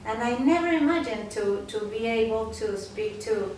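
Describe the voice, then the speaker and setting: A woman's voice: fairly high pitch, expressive, normal speed, a little mellow. Woman interviewer in a very echoey space. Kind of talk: conversational interview. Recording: very echoey, distant mic, faint noise.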